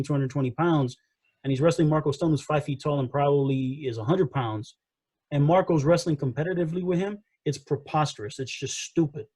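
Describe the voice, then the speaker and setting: Husky, rambling wrestling podcast man. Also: on the high side, low-quality recording. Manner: animated, full of restarts and acted-out quotes. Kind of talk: casual debate chat.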